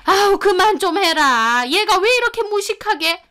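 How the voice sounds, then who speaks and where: A woman's voice: very high-pitched, expressive, moderate pace, sharp tone, pitched above the performer's own voice, full character voice. A woman voicing an older mother-in-law who scolds indignantly, in a story narration. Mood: shrill scolding.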